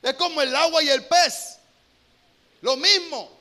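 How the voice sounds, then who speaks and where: A male pastor delivers a sermon in a high voice with a bright, forceful edge. He asks his congregation question after question, drops low and quiet while telling a story, then climbs back into loud, urgent preaching. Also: measured pace.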